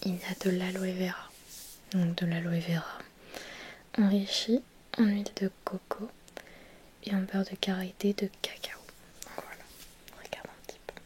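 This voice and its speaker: A woman in a whispered role-play, speaking in a soft, breathy whisper, quiet at night, gently soothing and reassuring the listener step by step. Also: medium pitch, flat delivery, normal speed, long pauses, slight background noise. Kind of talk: whispered role-play, ASMR bedtime pampering.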